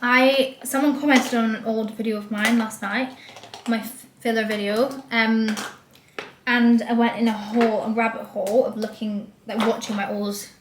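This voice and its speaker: Her voice is fairly high and level at a moderate pace as she rambles cheerfully through a casual vlog, peppering it with "like" and "um." She's a young woman from Scotland whose English accent has a light Scottish trace, filmed by a camera a short way off in a small indoor room. There's reverb and a noisy background.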